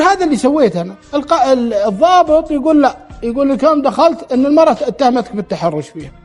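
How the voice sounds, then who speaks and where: A man's voice: extremely high pitch, darkish tone. A man telling a true story aloud, relaying the dialogue in quotes and often restarting his words. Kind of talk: spoken storytelling.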